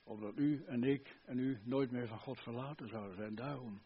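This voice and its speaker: An older man preaching a sermon, fervent, swinging between loud emphasis and hushed earnestness. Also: medium pitch, normal speed, highs cut off, slight background noise.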